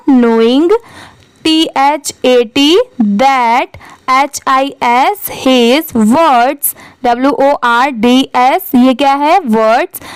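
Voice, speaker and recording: High-voiced woman teaching slowly. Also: dry recording. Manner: spells words letter by letter, then blends the parts; asks the class questions and answers them herself. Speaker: English reading teacher. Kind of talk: step-by-step spelling lesson.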